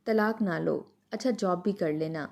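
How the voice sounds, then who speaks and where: A man's voice: high-pitched, gravelly. A woman voicing a heartbroken young husband who pleads with his wife in a storybook tale. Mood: pleading. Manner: emotional, pleading.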